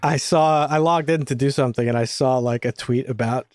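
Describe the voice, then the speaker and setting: An animated man trading opinions on a casual film podcast, swearing freely and breaking into laughter. His voice is mid-pitched and sits dry and close on the microphone. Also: fairly quick, dry recording. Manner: animated, profane, laughs often. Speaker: podcast co-host. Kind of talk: casual chat.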